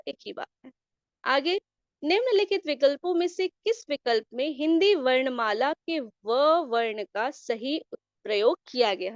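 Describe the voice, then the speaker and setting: A woman's voice: high voice, no room sound, dull audio. A woman teacher going through an exam answer key, explaining each question step by step and often checking in with listeners. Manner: explanatory, often adds "theek hai" checks.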